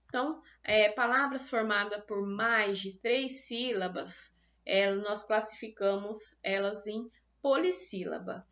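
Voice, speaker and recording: A woman teacher with a Brazilian Portuguese accent giving a recorded lesson to children, slowly stretching out the syllables of example words. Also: medium pitch, fairly bright tone, dull audio.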